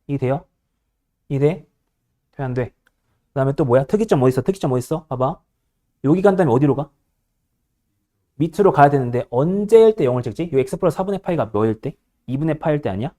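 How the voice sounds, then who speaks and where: With a mellow voice, a man teaching high school math gives a lecture, ordering students around and teasing them while repeatedly making sure they follow along.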